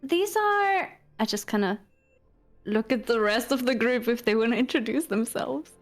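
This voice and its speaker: A woman's voice: on the high side, animated, normal speed, faint music behind. A woman playing a tabletop role-playing game, improvising casually in character.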